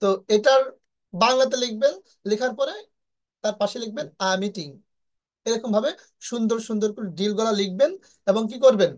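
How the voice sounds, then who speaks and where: A woman's voice: fairly high pitch, fairly quick, long pauses, a little mellow. A woman teaches an online English lesson. She walks through each point step by step, asking rhetorical questions and checking in with her listeners as she goes. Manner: explains step by step, asks rhetorical questions, frequent "হ্যাঁ?" checks.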